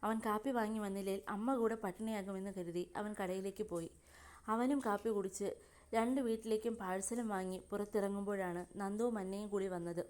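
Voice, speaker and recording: Woman storyteller, scripted narration, steady reading, mellow dark voice. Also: mid-range voice, fairly quick. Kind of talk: scripted narration of a serial romance.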